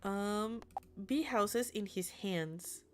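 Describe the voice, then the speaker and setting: A woman's voice: medium pitch, drawn-out words, slight background noise. A young adult woman with English as her second language, chatting casually and giggling as she streams a game alone in her room. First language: not English. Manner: giggly, chatty, reads chat messages aloud. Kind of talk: casual live-stream chat.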